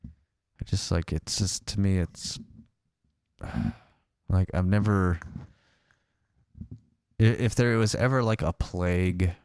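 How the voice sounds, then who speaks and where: A man's voice: sits low, slow pace, pauses often, a little mellow, clear, resonant tone, no room sound, clean studio sound. A young man co-hosting a podcast in casual chat, hesitant with lots of fillers and restarts. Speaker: podcast co-host.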